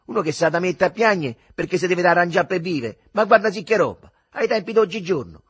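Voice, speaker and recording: Man doing a shrill scolding Roman mother. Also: lively intonation, brisk, fairly bright tone, breathy edge, full character voice. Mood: indignant. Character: loud indignant middle-aged Roman mother.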